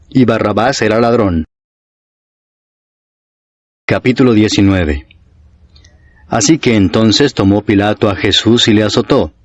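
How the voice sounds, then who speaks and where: A man reading scripture aloud in a steady, solemn narration, raising his voice a little for the crowd's shouts. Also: fairly low pitch, no echo, highs cut off. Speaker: Bible reader.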